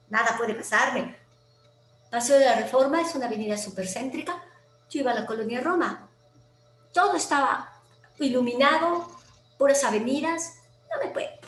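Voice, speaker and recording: A woman with a Mexican accent, a guest telling a personal story in a lively way, acting out quoted voices and sometimes dropping to a near whisper. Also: fairly high pitch, normal speed, faint music behind. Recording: roomy with faint background noise.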